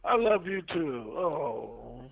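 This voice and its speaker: A man calling in from prison over the phone, chatting in a relaxed, playful way. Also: a little high, takes it slowly, creaky, husky. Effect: prison phone call. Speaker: caller. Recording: dull lo-fi phone line.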